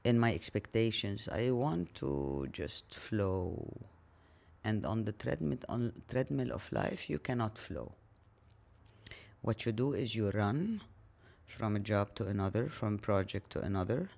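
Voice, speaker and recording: A man speaking an unscripted personal monologue while washing dishes, reflective and hesitant, with frequent pauses. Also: lowish voice, darkish tone. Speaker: channel host.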